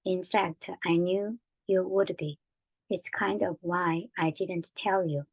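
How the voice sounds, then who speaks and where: An actress in her forties playing a loving, anxious mother who talks softly and haltingly, repeating her words. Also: fairly low pitch, fairly even intonation, poor audio. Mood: tender. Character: tender, anxious mother of a teenage daughter. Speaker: mother in a family drama. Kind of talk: television drama acting.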